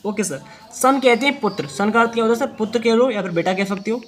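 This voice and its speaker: Casting: male teacher, high voice, answers his own questions, slow word-by-word reading. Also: fairly bright tone. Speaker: English teacher. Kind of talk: Hindi-language reading lesson.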